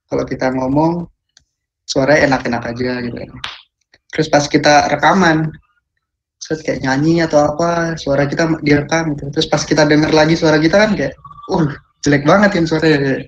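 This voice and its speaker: A man's voice: fairly high pitch, a little fast, highs cut off, a little hiss or hum. Young man presenting casually on a call. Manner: relaxed, many fillers and tag "ya". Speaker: student presenter.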